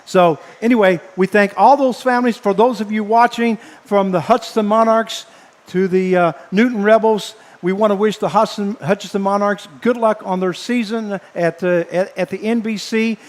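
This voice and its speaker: A man broadcasting baseball, signing off live from the press box, speaking haltingly and earnestly with many fillers, emotional and choked up. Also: sits high, steady tone. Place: press box above a ballpark. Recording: long hall-like reverb.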